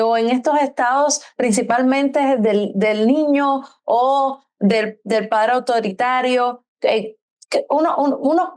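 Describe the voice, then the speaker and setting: A woman hosting a podcast interview, her voice a bit high. She asks her question haltingly, pausing with fillers and restarting phrases. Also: darkish tone. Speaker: podcast host.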